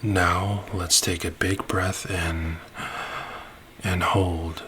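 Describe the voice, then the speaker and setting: A man narrating a space-ship ASMR roleplay in a soft, soothing voice that drops into whispers. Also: sits low, level tone, drawn-out words, background noise.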